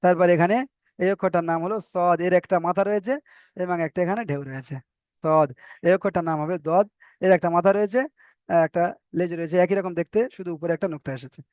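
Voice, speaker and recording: A man with an Indian Bengali accent teaching an online Quran reading class, patient, repeating each letter slowly and drawing out the vowels. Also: sits high, a little mellow, clear, resonant tone, no echo, dull audio. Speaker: Arabic alphabet teacher.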